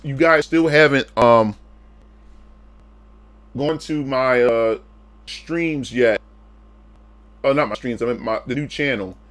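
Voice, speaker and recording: A man streams live in a laid-back, rambling chat, talking straight to his viewers and often restarting or repeating words. His medium-pitched, fairly bright voice moves slowly with long pauses, and the recording has no echo.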